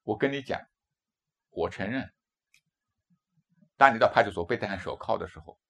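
A man's voice: lowish voice, normal speed, vocal fry, fairly bright tone. A man in his fifties from China, preaching a sermon with emphatic rhetorical questions. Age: 50s.

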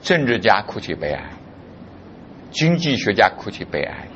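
A man's voice: fairly low pitch, sing-song, normal speed, creaky, a bit bright, highs cut off, slight background noise. A male pastor preaching a sermon, who keeps putting rhetorical questions to his congregation.

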